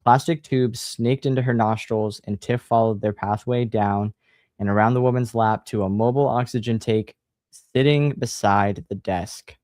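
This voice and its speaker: A man hosting a livestream, chatting casually and reading a horror book aloud in a relaxed, sighing manner. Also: lowish voice, moderate pace, dry recording, clean studio sound. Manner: relaxed, sighing, laid-back.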